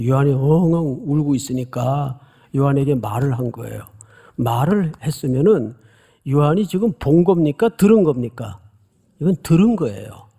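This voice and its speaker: A middle-aged pastor preaching an expository sermon, putting questions to the congregation and acting out a loud cry. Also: male voice, fairly high pitch, gravelly. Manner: dramatic preaching, voices the angel's loud cry; addresses congregation directly with questions.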